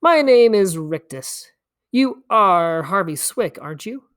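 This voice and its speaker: A woman with a medium-pitched, smooth voice and lively intonation voices a storybook stranger, a scrawny, grinning man who is a wheedling, fast-talking trickster. She speaks slowly, teasing and coaxing in a theatrical, breezy way.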